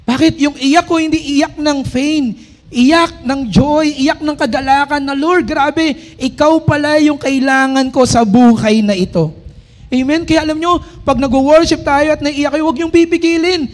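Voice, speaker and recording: A man preaching from the pulpit in a very high voice. He is a middle-aged pastor who keeps drawing answers from the congregation. He reads his scripture passages slowly and with force. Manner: preaching with frequent call-and-response to the congregation. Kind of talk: sermon.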